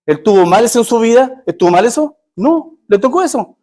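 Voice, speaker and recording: Male pastor, high voice, emphatic sermon delivery with rhetorical questions. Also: lively intonation, brisk, warm tone.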